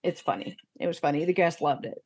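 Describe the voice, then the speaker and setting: A woman's voice: deep voice, fast talker, darkish tone, no room sound, studio quality. A woman co-hosting a podcast, chatting casually and emphatically about a reality show, laughing often. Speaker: podcast co-host. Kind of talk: casual recap chat.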